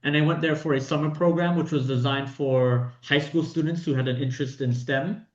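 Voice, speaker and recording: A man's voice: fairly high pitch, steady tone, fairly quick, a little mellow. Young man from Vietnam, echoey lo-fi. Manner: talkative, fillers and restarts. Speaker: guest racing driver. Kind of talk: casual interview answers. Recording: dull, echoey lo-fi room sound.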